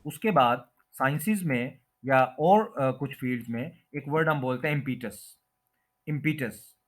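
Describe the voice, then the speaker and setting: A man teaching English word pronunciation, who repeats each word slowly and draws out the stressed syllable. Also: mid-range voice. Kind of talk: pronunciation lesson explained in Hindi-Urdu.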